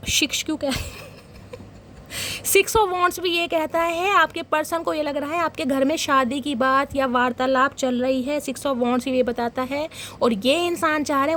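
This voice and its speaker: A young woman with a high voice gives a dramatic, animated tarot reading and talks straight to her viewers. A faint hiss of noise sits under her voice. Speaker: tarot reader.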